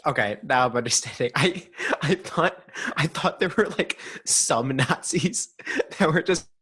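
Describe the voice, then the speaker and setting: A young man co-hosting a podcast, cutting in with quick questions and jokes in casual chat. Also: fairly high pitch, animated, fairly bright tone, breathy edge. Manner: wisecracking, quick interjections, laughs often. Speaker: podcast co-host.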